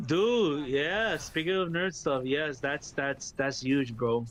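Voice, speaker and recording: A Brooklyn man with a New York accent, chatting on a gaming stream, excitable and laughing, repeating words and calling people "bro". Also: a little high, slow. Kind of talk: casual gaming stream chat.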